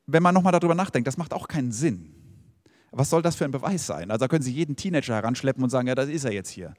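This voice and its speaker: Male pastor, sermon, conversational, rhetorical questions, animated pitch, long church-hall reverb. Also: racing.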